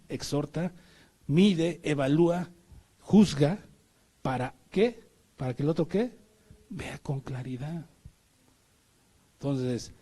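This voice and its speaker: A man's voice: a little high, dark tone, breathy edge. A middle-aged man with a Mexican Spanish accent preaching a sermon, emphatic, often asking the congregation rhetorical questions.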